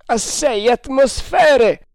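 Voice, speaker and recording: A man voicing an agitated quartermaster who yells urgent orders to the crew. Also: very high voice, drawn-out words, vocal fry, no echo, studio quality, voice pushed up, full character voice. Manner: shouted urgent commands.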